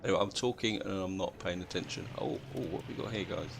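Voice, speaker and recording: Male British let's-play host, half-asleep delivery, deep gravelly register, clearly noisy recording. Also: fast. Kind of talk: casual game commentary. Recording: noticeable background noise.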